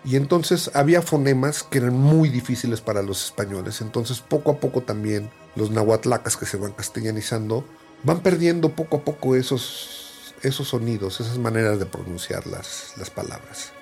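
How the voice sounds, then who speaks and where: A man's voice: mid-range voice, lively intonation, moderate pace, creaky, darkish tone, faint music behind. A man with a Mexican accent talking in a casual monologue, musing and restarting phrases as he goes. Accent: Mexican Spanish.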